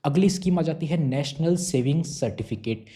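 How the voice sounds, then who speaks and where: Young guy explaining money stuff step by step, asks himself questions then answers, kinda soft warm tone. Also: fairly high pitch, animated, normal speed. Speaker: finance YouTuber explaining savings schemes. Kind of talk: explainer talk to camera.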